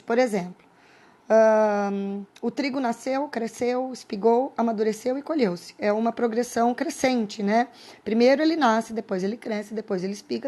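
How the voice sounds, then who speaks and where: A Brazilian woman teacher records a lesson for her class. Her voice sits a little high. She explains patiently and keeps checking in with her students through quick tag questions. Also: a little mellow. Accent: Brazilian Portuguese.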